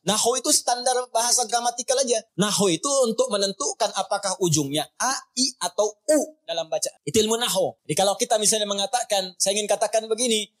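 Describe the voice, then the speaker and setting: A man teaching a class on Arabic grammar, who keeps asking his listeners questions and then answers them himself, and slowly recites Arabic phrases between his explanations. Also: high voice, a bit bright. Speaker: teacher of Arabic and Quran reading.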